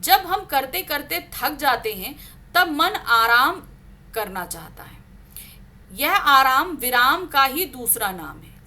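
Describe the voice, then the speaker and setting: A woman's voice: high voice, sharp tone. A woman teaching a Hindi grammar lesson, often checking in with her listeners and acting out example sentences in different tones. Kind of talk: classroom-style lesson explanation.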